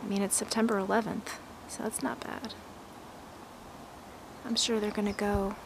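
A woman giving a casual walking tour of her backyard garden, relaxed and admiring, thinking aloud with some fillers. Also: mid-range voice, normal speed, vocal fry, background noise.

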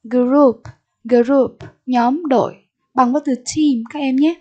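A woman's voice: high-pitched, fairly even intonation, takes it slowly, mellow, muffled recording. A Vietnamese-accented woman teacher in a recorded English vocabulary lesson, repeating each word and giving its meaning and stress.

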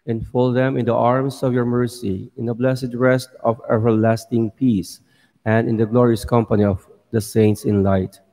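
Male priest, middle-aged, soft dark tone, formal liturgical reading, long cathedral echo. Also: mid-range voice, flat delivery. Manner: measured, formal. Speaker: priest celebrant. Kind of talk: solemn liturgical reading and prayer. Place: large church sanctuary, indoors. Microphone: gooseneck lectern microphone. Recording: echoing church with long reverb.

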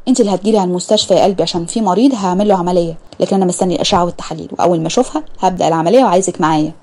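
A confident young male surgeon speaks smoothly and reassuringly in an Egyptian accent, as a woman voices him. His voice is dark and husky. He talks very fast in this storybook reading. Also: lowish voice. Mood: affectionate. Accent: Egyptian Arabic.

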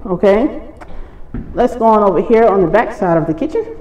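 A woman's voice: medium pitch, moderate pace, a little mellow, lo-fi sound. A woman, short of breath as she gives viewers a casual, admiring walk-through on a handheld phone. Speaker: vlogger touring a show home. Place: walking through an empty or staged house and its yard. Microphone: handheld phone held by the person filming. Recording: echoey rooms, light background noise.

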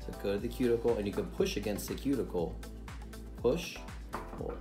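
This pastor in his thirties talks a little fast in an expressive, fairly low voice over music. Patiently, step by step, he teaches kids a playful how-to at his home dining table, repeating each instruction. The camera capturing it rests on the table.

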